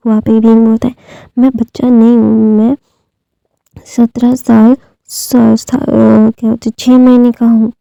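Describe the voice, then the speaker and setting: A woman retelling a fan fiction story casually, voicing the dialogue with pauses and fillers. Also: on the high side, gravelly, warm tone, dry recording, dull audio.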